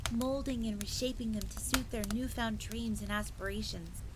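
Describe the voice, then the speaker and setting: In a roleplay audio drama, a woman voices a young fox maid who is polite and eager, earnestly explaining old lore and referring to herself in the third person. Her voice is fairly high and steady, close to an everyday voice, at normal speed against a noisy background.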